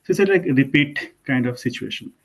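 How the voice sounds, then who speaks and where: An Indian man with an Indian English accent talks students through a slide presentation in an online lesson. His voice sits at an ordinary middle pitch. He speaks informally, with "uh", restarts and self-corrections. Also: expressive, a little fast, gravelly, rough recording. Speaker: architect giving an online lesson.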